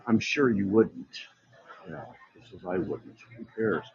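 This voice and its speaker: A man's voice: on the low side, expressive, takes it slowly, gravelly, a little mellow, a little hiss or hum. A man in a live debate, speaking bluntly and lecturing the other person on what to say, over lo-fi voice chat. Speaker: debate participant. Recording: dull lo-fi voice-chat audio.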